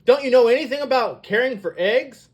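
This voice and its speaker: A storyteller voicing an excitable, bossy duck who scolds and fusses in a children's picture book. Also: medium pitch, moderate pace, voice pushed up. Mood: huffy, scolding. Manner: exclamatory, scolding, fussy.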